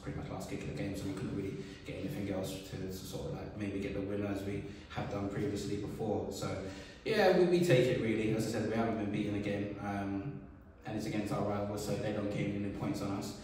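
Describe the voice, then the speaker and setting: A man, a football manager giving a relaxed post-match interview full of fillers. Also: on the low side, fairly quick, slight background noise. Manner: relaxed, many fillers and "sort of". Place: bare indoor room by a wall, seated. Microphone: camera a few feet away. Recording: echoey room from far off.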